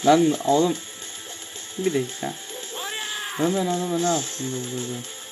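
A young man casually commenting on a fighting game as he plays, often shouting in surprise and swearing. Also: on the high side, a little slow, rough recording. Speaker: gameplay streamer. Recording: music clearly heard behind.

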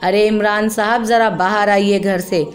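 Woman voicing a vengeful, shouting gardener. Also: mid-range voice, steady tone, measured pace, soft background music, lightly acted. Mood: angry. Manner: bitter, shouting. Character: angry, vengeful male gardener.

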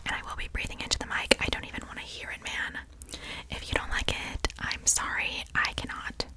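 A young woman speaks in a breathy ASMR whisper right up against a desktop microphone. She chats casually to viewers, rambling along in a playful, apologetic way. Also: a little fast. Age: young adult. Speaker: ASMR creator. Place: small indoor bedroom. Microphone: large desktop condenser microphone, very close.

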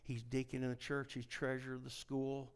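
Middle-aged preacher swinging whisper to shout. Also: male voice, mid-range voice, completely flat delivery, brisk, clear, resonant tone. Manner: swings between hushed near-whispers and shouted climaxes; folksy storytelling preacher. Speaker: revival preacher. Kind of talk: revival sermon.

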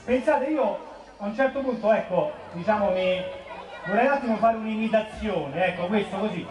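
A man's voice: high voice, moderate pace. A man in his forties with a Roman accent, doing rambling live stand-up cabaret on an outdoor piazza stage. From Rome. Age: 40s. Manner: chatty, rambling, filler-heavy. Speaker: cabaret comedian. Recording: echoey outdoor stage, far off, crowd.

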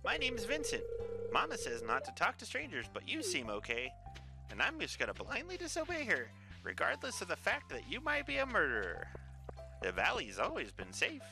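A man's voice: sits high, huge pitch swings, normal speed, vocal fry, sharp tone, voice pushed up, exaggerated voice. A man voicing an innocent, chatty little village boy from a video game. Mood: naive, cheerful. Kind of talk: mock reading of game dialogue. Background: game music.

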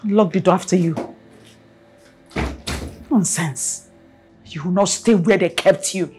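A woman's voice: on the low side, slow, music in the background. A middle-aged Nigerian woman playing a scornful mother in a film drama, scolding and repeating herself. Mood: furious. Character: stern, scornful mother of a grown son.

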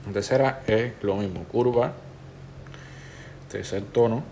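Low-voiced man explaining steps. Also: measured pace, slight background noise. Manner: relaxed, instructive, talks the viewer through each step. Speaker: tattoo artist teaching a digital stencil technique. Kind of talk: step-by-step tutorial narration.

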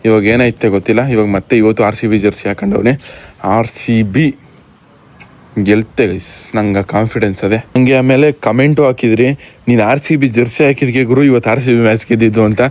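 A man's voice: medium pitch, fairly even intonation, a little fast, darkish tone, poor audio. A young man with a Karnataka Kannada accent, chatting casually to his viewers in a vlog, teasing and talkative. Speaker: vlogger.

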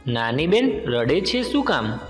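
A man voicing a big, kind snake who gently reassures a girl. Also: fairly high pitch, sing-song, a little slow, long reverb tail, faint music behind. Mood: gentle kind.

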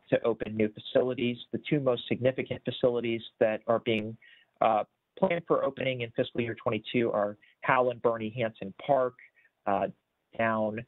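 A man's voice: medium pitch, dry recording. Man presenting on a tinny video call. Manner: measured, frequent filler words and restarts. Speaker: county budget official presenting at a town hall.

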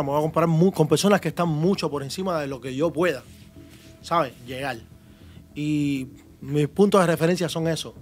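A man, talking confidently and boastfully as a guest in a casual chat, often tagging his points with a question. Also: fairly high pitch. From Cuba. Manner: confident, boastful, keeps asking "¿sabes?".

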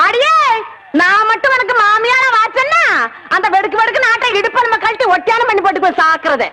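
A loud, very high-voiced old village granny, scolding and threatening everyone. She snaps out her threats with no patience at all. Heavy noise from an old film soundtrack sits under her voice. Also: lively intonation, fast talker. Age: older. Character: fierce, quarrelsome old village grandmother. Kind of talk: film comedy dialogue.

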